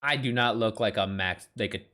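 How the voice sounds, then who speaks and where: A man's voice: lowish voice, a little fast, pushed and bright. Man in his thirties, author, casual live-stream chat, rambling, full of fillers, talks back to chat. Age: 30s. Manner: rambling, chatty, many fillers and restarts. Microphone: streaming mic.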